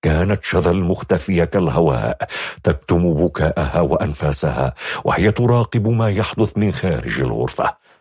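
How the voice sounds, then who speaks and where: A male narrator reading a story with an expressive, lively delivery that rises and falls. His voice sits low and is very husky and breathy, recorded dry and close. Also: brisk, no echo. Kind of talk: audiobook narration.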